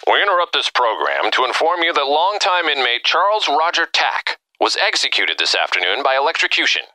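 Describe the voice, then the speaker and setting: A man doing a bright formal radio announcer. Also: fairly high pitch, sing-song, fairly quick, no room sound, full character voice, poor audio. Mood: grave. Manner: crisp formal bulletin delivery. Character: adult male radio news announcer, formal.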